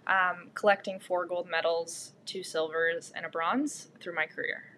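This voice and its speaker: Young female student athlete, Canadian accent, lower-leaning pitch, informal interview answers, faint room noise behind. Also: steady tone, unhurried, sharp tone, low-quality recording. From Ontario, Canada. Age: young adult. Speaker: podcast guest, student athlete.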